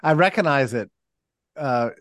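A man's voice: medium pitch, expressive, unhurried, fairly bright tone, dry recording, clean studio sound. A man from Texas talking as a podcast guest, rambling with restarts and telling stories animatedly. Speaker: guest commentator. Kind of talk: casual conversational analysis.

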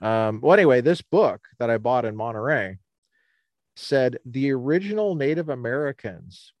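Out by the ocean on a cold day, a podcast co-host from Colorado chats casually in a rambling, halting way full of restarts. His voice sits at medium pitch, very animated yet a little mellow, with no echo.

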